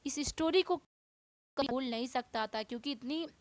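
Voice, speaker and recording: A woman teacher explaining a textbook chapter, reading English lines slowly and then explaining them at length. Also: sits high.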